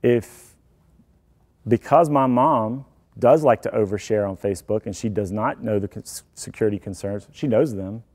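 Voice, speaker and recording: Chatty man giving a mellow security talk. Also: on the low side, normal speed. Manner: chatty, self-deprecating, joking asides. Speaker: IT security presenter. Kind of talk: casual presentation to an audience.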